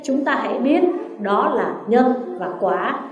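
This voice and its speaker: A woman's voice: fairly high pitch, measured pace, heavy background noise. A woman with a Southern Vietnamese accent giving a Buddhist dharma talk as a nun, telling stories and asking her listeners questions. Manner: storytelling, asks listeners questions, lively shifts. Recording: roomy, distant mic.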